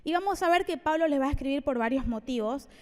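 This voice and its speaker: A woman's voice: high voice, lively intonation, fast talker, long reverb tail. A woman preaching a sermon, conversational and playful, with asides to the congregation. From Argentina. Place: church hall.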